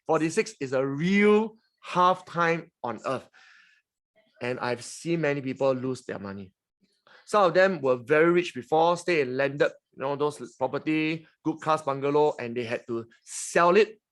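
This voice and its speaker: Singaporean man, 40s, webinar host, slightly high voice, teasing, chatty. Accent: Singaporean English. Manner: chatty, teasing, frequent "okay?" and "huh?". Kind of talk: lively finance webinar talk.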